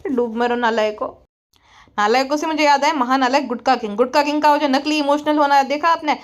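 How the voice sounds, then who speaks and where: High-voiced sarcastic woman commentator. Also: fairly quick. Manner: scolding, sarcastic, outspoken. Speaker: vlogger. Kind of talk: gossip commentary vlog.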